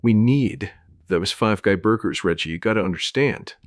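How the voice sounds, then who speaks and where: A man putting on a loud, deadpan impression of a gruff middle-aged male chemistry teacher, run through a voice conversion filter. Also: on the low side, no room sound, studio quality, pitched below the performer's own voice. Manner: loud, bellowing, drawn-out deadpan delivery. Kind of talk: comedic impression for an animation bit.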